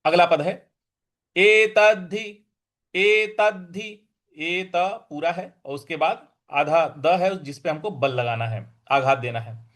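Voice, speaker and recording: A man teaching a scripture lesson, reciting verses in a slow chant and explaining each word with careful repetition. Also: on the high side. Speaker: Gita teacher.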